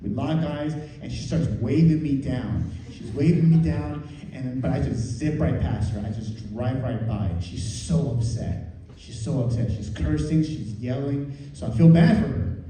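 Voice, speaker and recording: A man's voice: medium pitch, unhurried, warm tone. A man doing conversational stand-up comedy, telling self-deprecating stories in a casual way to a live audience. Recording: echoey room, distant, faint noise.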